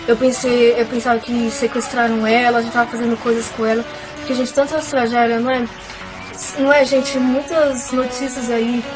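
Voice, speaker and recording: Brief: young woman vlogger, high voice, emotional faith testimony to viewers. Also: rough recording. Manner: emotional, addresses viewers, many fillers. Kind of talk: personal faith testimony, casual storytelling.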